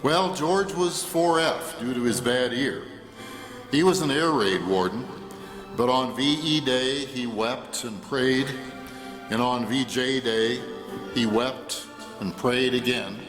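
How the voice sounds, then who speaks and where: A man playing an authoritative senior angel, narrating a stage radio play in a measured way. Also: mid-range voice, music in the background, close to an everyday voice. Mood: solemn recounting. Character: heavenly senior angel, calm and authoritative storyteller. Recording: echoey hall.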